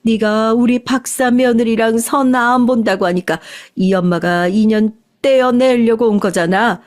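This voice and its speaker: A woman voicing a rude, snobbish middle-aged mother-in-law who insults and shouts. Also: medium pitch, normal speed, close to an everyday voice. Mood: outraged.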